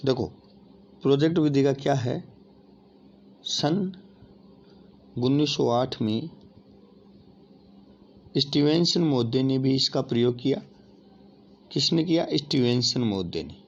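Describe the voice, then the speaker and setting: A man's voice: mid-range voice, takes it slowly, pauses often. A man teaching an exam-prep lesson, addressing listeners as friends and asking and answering his own questions. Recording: dull lo-fi audio with faint noise.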